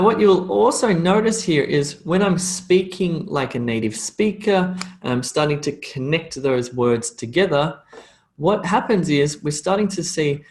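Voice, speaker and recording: An Australian man teaches English pronunciation in a live online lesson, drilling phrases for the learner to repeat and slowing them down. His voice is a little high.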